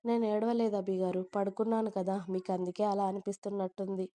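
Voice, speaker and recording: A sweet, pouting young college girl in a storybook reading, voiced by a woman narrator. Her voice is warm and mellow. She speaks in a flat, even tone. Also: mid-range voice, quick pace, natural voice.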